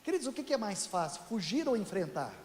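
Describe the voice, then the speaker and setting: A man's voice: high-pitched, big pitch swings, fast, a little mellow, slight background noise. A man from Brazil, a pastor preaching a sermon in a chatty, joking way to his congregation, often calling them "dear". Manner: addresses listeners as "querido". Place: church sanctuary. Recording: echoey church hall.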